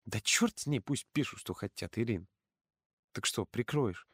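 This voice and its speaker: A man voicing a soft-spoken, apologetic young male camp counselor in an audiobook, quiet and conciliatory. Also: mid-range voice, animated, normal speed, breathy edge, no echo, clean studio sound.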